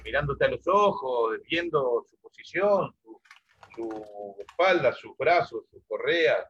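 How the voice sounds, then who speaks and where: Argentine guy, middle-aged musician, a bit husky, muffled video call sound. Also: medium pitch, animated, takes it slowly, a bit bright. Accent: Argentine Spanish (rioplatense voseo). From Argentina, Santa Fe. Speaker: musician and music teacher guest. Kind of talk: casual interview conversation.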